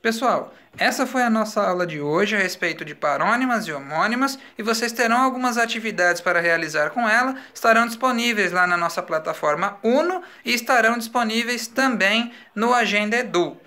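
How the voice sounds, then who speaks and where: A male teacher, giving a recorded school lesson and explaining slowly, spelling words out letter by letter. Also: high voice, sharp tone.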